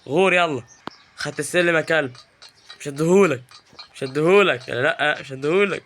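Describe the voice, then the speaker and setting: A gaming YouTuber with an Egyptian Arabic accent gives live, teasing commentary as he plays, excitably yelling at the characters in the game. His voice is fairly high and fairly quick, with a little hiss or hum in the recording.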